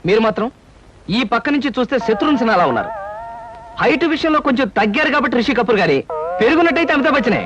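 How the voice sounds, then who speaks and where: An actor playing a cheeky, wisecracking schemer in a film comedy who fakes an injury for gain. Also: male voice, extremely high pitch, big pitch swings, very fast, background noise. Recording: dull film soundtrack with music.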